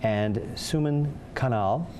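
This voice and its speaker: A man's voice: medium pitch, takes it slowly, a little mellow, a little hiss or hum. A man co-hosting a TV studio interview in a friendly manner, often repeating words as he hesitates. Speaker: co-host. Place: TV studio set. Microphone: lapel.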